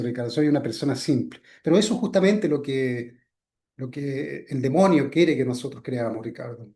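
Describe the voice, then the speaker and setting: A medium-pitched man gives a spiritual teaching talk, repeatedly calling his listener by name. His voice often sinks softly at the ends of phrases, and he frequently checks in with short questions.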